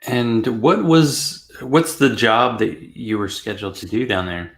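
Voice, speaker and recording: A man's voice: medium pitch, a little slow, creaky, roomy sound. A middle-aged man hosting a casual interview over a video call from a small room at home. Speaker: podcast host.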